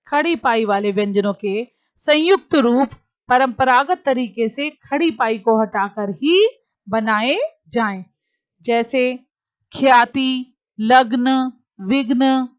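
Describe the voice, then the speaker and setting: A woman's voice: sits high, smooth, dry recording, lo-fi sound. A woman teacher giving a grammar lesson, explaining patiently and repeating each example word.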